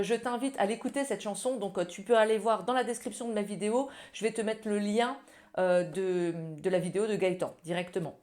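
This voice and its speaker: With a mid-range, somewhat mellow voice, a woman teaches ukulele in a relaxed tutorial while the instrument plays behind her. She chats directly and warmly with the viewer, using the informal tú.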